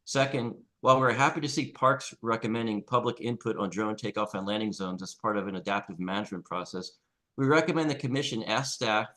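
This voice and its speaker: A man's voice: lowish voice, fairly bright tone, rough recording. A man giving formal prepared testimony to a commission, reading steadily from his remarks, calling in remotely. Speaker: public commenter for a conservation group.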